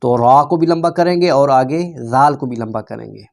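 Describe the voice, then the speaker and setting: Man teaching slow careful recitation. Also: medium pitch, vocal fry, a little mellow. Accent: Pakistani Urdu. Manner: slow drawn-out recitation between quick explanations. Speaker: religious teacher. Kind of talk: recitation lesson for students.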